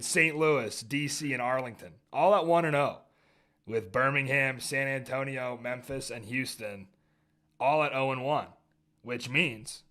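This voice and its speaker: A man's voice: mid-range voice, fairly bright tone. Upbeat man co-hosting a sports podcast. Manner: upbeat, joking banter. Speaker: podcast co-host. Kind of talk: casual sports podcast chat.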